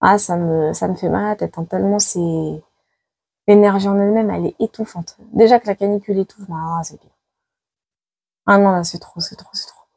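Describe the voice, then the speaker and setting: A woman's voice: mid-range voice, steady tone, fairly quick, vocal fry, a little mellow, no echo. A woman psychic giving dramatic predictions during a card-reading video, repeating her words with many exclamations and sounding worn out by the heat. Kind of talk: live tarot prediction video.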